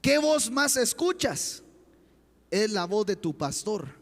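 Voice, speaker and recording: A man's voice: sits high, sing-song, slow pace. A man preaching a sermon as pastor, impassioned and full of rhetorical questions, in a church. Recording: long church hall reverb.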